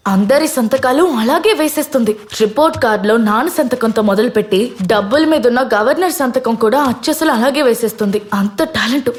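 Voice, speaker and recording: A woman's voice: a little high, quick pace, few pauses, close to an everyday voice. An actress dubbing a chatty young woman who earnestly rambles through her family story in a film comedy. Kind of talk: dubbed film comedy dialogue. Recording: film dub over loud background score.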